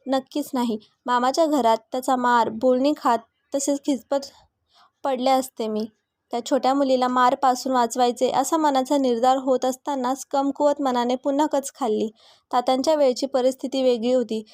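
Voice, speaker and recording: Woman storyteller, high voice, dry close sound, expressive reading. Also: dry recording. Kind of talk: scripted story narration.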